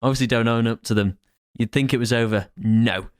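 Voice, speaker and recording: A British man chats as co-host of a comedy podcast. His voice sits at an average pitch, and his delivery is informal and joking. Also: steady tone, a little fast, clean tone. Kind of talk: casual comic podcast chat.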